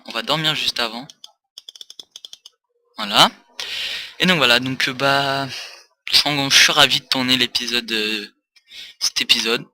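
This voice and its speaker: Bright-voiced tired young man gaming. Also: mid-range voice, a little hiss or hum. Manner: rambling, many hesitations. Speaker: let's play host. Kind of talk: casual gaming commentary. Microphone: desk mic with facecam.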